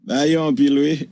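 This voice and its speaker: A man offers reflective commentary in a high-pitched voice. He speaks at a measured pace. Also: dark tone, slight background noise.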